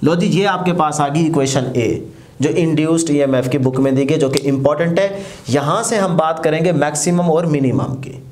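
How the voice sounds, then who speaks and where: A male physics teacher, explaining step by step, asking his students questions and slowing down to spell out equations as he writes. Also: fairly high pitch, a little mellow, a little hiss or hum. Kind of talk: classroom lecture.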